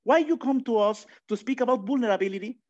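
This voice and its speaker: Speaking at a quick pace in an extremely high pitch, this Spanish-speaking man from Mexico lectures on philosophy over a video call from indoors at home. His Mexican-accented delivery is exploratory, full of restarts, fillers, and lively digressions, captured through a webcam in dull lo-fi sound.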